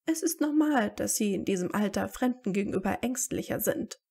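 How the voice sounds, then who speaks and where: A woman's voice: mid-range voice, animated, a little fast, gravelly, dark tone, breathy edge. A woman reading aloud and voicing a motherly middle-aged witch who speaks firmly and caringly. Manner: firm and caring.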